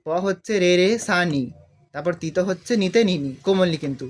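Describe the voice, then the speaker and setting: A man teaching a devotional song on harmonium, explaining the notes step by step and singing drawn-out phrases. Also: high-pitched. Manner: explains slowly, then sings drawn-out phrases. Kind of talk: step-by-step music tutorial. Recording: harmonium loud under the voice.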